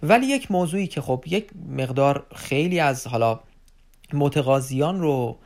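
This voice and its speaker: A man giving an unscripted informational talk to viewers as an advisor, addressing them as friends and pausing often on fillers. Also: mid-range voice, expressive, darkish tone. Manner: unscripted explaining with many filler pauses.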